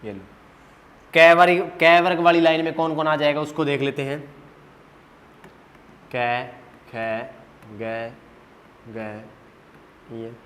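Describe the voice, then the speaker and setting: High-voiced man teaching at a board. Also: little pitch movement, a bit bright, slight background noise. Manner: quizzing students with questions he answers himself; drills letters one by one in a slow lowered voice. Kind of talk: blackboard grammar lesson.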